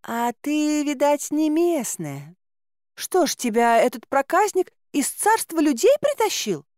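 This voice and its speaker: A woman voicing a plump, bossy woman caretaker who scolds in a high, lively, folksy way. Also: measured pace, dry recording, clean studio sound. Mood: scolding.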